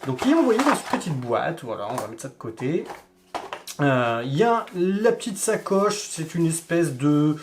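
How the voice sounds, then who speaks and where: A man with a somewhat raised pitch talks through a casual unboxing on his vlog. He speaks directly and informally to the viewer, as if to a friend. His voice is picked up by a shotgun mic mounted on top of the camera. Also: sing-song, moderate pace, slight background noise. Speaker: vlogger reviewing gear.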